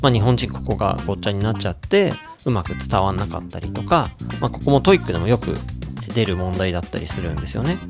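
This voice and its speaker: A man hosting a radio-style English lesson, lively, demonstrating English sounds slowly and clearly. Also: fairly low pitch, over music. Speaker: English pronunciation teacher and show host.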